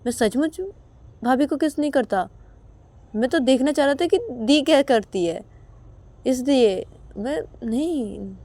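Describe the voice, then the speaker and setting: Woman doing a teasing younger brother, high voice, defensive, pleading, stammers. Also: lively intonation, measured pace, mellow, dry recording.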